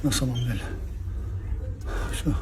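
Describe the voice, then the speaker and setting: A man's voice: mid-range voice, unhurried, darkish tone. A male fighter, giving modest, noncommittal interview answers. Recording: crowd noise in busy venue.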